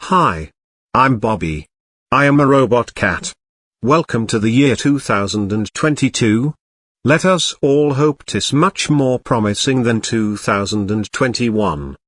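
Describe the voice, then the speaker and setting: A man's voice: medium pitch, animated, a little slow, fairly bright tone, no echo. Robot cat narrator, male, a man doing it, formal and snide, dry studio sound. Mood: snarky. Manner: formal, archaic wording with dry sarcasm. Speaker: commentary narrator. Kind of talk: scripted drama-news commentary.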